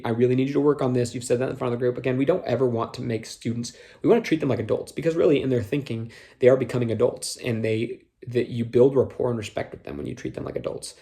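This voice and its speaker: A man's voice: medium pitch, dark tone. A young man from Minnesota, with a slight Minnesota accent on a few words, giving casual advice on leading youth groups, with lots of fillers and acted-out quotes. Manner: conversational, many fillers, acts out quotes. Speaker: youth small group leader trainer. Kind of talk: casual instructional talk.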